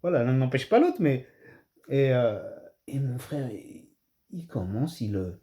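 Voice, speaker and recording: Man, middle-aged, channel host, casual storytelling, very lively pitch, dips low then shoots up. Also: unhurried. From Comorian heritage, France. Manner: animated, swings between low asides and high excited exclamations.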